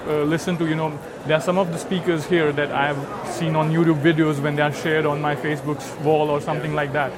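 A man from India, a student, giving measured interview answers. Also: a little high, flat delivery. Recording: crowd chatter behind.

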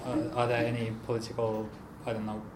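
A man's voice: medium pitch, completely flat delivery, noisy background. Male podcast host. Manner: measured, with hesitant fillers when asking. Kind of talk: scripted intro, then interview questions.

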